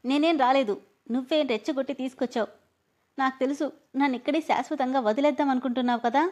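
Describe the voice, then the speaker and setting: A woman's voice: high-pitched, steady tone, fast talker, darkish tone, lightly acted. A woman voicing a clingy, tearful and feisty young woman who pleads and scolds. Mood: tearful scolding.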